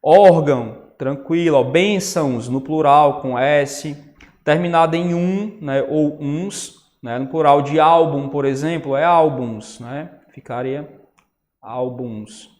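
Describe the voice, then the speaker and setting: Speaking slowly in a fairly high voice with a darkish tone, a man teaches Portuguese grammar online, explaining each step and checking on his students. He frequently uses "né?" and "ó" while writing on a tablet, in a recording with long reverb.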